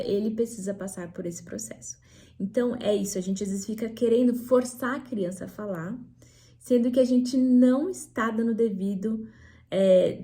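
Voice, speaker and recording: Brazilian female speech therapist, mellow mid-pitched voice, didactic talk to parents, checks in often. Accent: Brazilian Portuguese. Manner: didactic, frequent "né?" and "tá?" tag questions.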